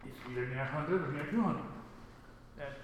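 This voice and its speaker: This programming instructor from Mexico speaks with a slightly high voice at a moderate pace, lecturing casually in an indoor classroom. He keeps checking in with tag questions to seek agreement. The recording picks up a noisy, reverberant, echoey room.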